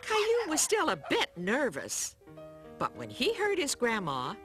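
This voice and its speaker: A woman's voice: sits high, a little slow. Woman telling a kids cartoon story, super sing-song, music behind. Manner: warm storytelling, expressive. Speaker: narrator of a children's cartoon. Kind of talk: scripted storybook narration for children.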